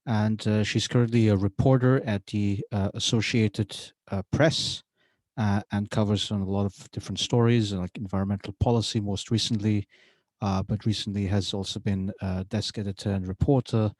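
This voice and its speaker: A man hosts a casual podcast interview in a fairly low voice, pausing often and filling the gaps with uh. The recording is dry and close, with no room sound around him. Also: steady tone, a little mellow, no echo. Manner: hesitant, many uh fillers. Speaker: podcast host. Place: university setting.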